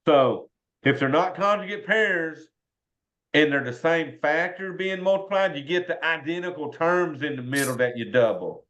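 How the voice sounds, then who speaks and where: Casting: male algebra teacher, Southern US accent, folksy and informal, highish pitch, muffled video-class sound. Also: expressive, normal speed, a bit bright. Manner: folksy, says y'all often. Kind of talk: informal worked-example math lesson. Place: indoors, online video class. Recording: dull lo-fi online class audio.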